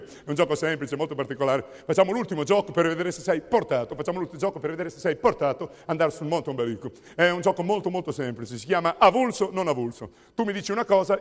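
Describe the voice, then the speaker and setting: Fussy male examiner, acted by a man, stage comedy monologue, punning patter, slightly high voice, long theatre reverb. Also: lightly acted. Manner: rapid wordplay patter, repeating himself. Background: audience laughter.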